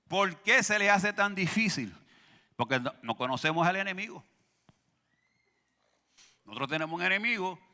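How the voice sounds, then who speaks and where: A man's voice: fairly high pitch, sharp tone, big-room sound. A male pastor preaching a sermon in a church, joking and calling out to the congregation. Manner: humorous, calls out to the congregation. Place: church sanctuary.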